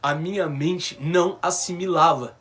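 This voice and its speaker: A young Brazilian man with a somewhat high voice, telling a personal story to his viewers. He speaks in casual slang and jumps into the voices of the people in his story. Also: unhurried. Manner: animated, slangy, acts out quoted dialogue. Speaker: YouTuber.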